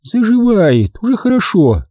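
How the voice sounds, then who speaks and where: A man voicing a playful, chatty young woman who teases her lover, raising his pitch high. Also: sing-song, unhurried, dark tone, dry recording, full character voice. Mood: teasing. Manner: chatty, teasing.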